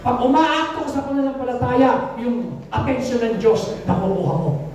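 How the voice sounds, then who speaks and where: High-voiced woman preaching in an echoey church. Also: moderate pace, darkish tone. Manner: call-and-response, often calling out "Amen". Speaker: pastor. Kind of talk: sermon. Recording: echoey room, mic far off.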